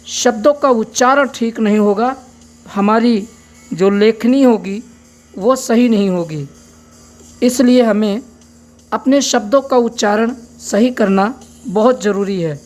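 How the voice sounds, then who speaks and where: Casting: woman teacher, higher voice, very slow and patient, faint music underneath. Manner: patient, spells words out and explains step by step. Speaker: braille teacher. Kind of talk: slow spoken lesson.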